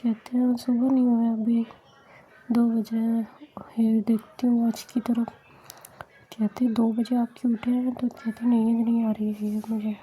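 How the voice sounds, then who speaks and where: A woman narrating a romantic story in a soft, whispered role-play, voicing every character herself. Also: fairly high pitch, little pitch movement, measured pace, slight background noise, poor audio.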